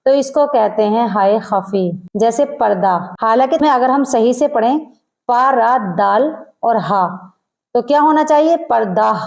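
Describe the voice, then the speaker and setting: Woman, Urdu accent, grammar teacher, warm mellow voice, fairly high, spells out example words slowly. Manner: slows down to pronounce example words. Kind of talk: explaining a grammar lesson.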